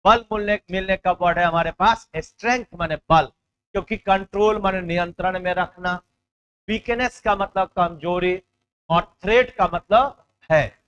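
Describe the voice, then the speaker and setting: A man with a high-set voice runs an exam-prep vocabulary lesson. He explains in Hindi and slows down to read out English words and definitions. He keeps checking in with his students, and the recording sounds slightly dull and lo-fi. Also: a bit bright, clear, resonant tone.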